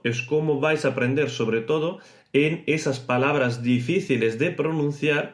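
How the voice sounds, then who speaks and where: A man whose first language is Italian hosts a podcast lesson and explains pronunciation, slowing down to stretch words out. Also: mid-range voice. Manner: explanatory, slows to exaggerate pronunciation. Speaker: podcast host teaching Italian. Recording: roomy echo.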